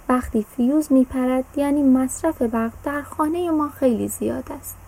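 A gentle, patient father from a children's storybook, voiced by a woman narrator. He explains calmly and unhurried, in a warm, slightly husky tone. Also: on the high side, natural voice, poor audio.

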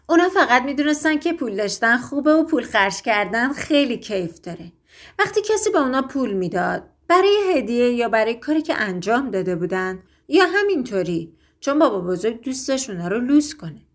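A woman narrating a children's story in a soft, even storytelling voice. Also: fairly high pitch.

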